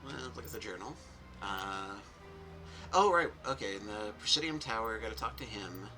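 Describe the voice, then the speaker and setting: A man's voice: on the low side, expressive, moderate pace, bright, forceful tone, soft background music, rough recording. A young man streaming a game, commenting in a rambling, self-mocking, casual way. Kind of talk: gameplay commentary.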